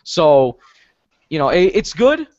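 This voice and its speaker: Brief: hesitant male podcast co-host, slightly high voice, dull recording. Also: big pitch swings, slow pace, a little mellow, no room sound. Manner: hesitant, rambling, many fillers. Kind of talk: casual gaming podcast chat.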